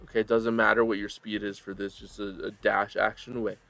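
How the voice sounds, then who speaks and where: A man narrating a tabletop role-playing game as game master, telling the scene dramatically with pauses between phrases. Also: fairly low pitch, level tone, gravelly, fairly bright tone, dry recording.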